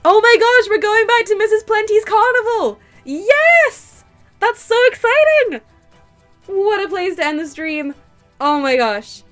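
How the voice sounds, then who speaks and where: This woman's stream mixes easygoing chat with reading the game's text out loud. A cold gives her a stuffy nose and sore throat, but she's lively and laughs readily, often erupting in high delight over quiet music.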